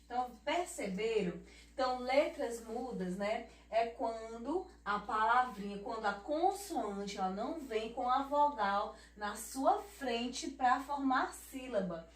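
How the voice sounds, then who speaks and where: Brazilian woman, primary teacher, slow and drawn-out, affectionate auntie manner, somewhat high voice, echoey room, distant mic. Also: lively intonation. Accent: Brazilian Portuguese. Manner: slow, drawn-out word spelling with tag questions; affectionate teacher talk, calls herself auntie. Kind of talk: children's lesson.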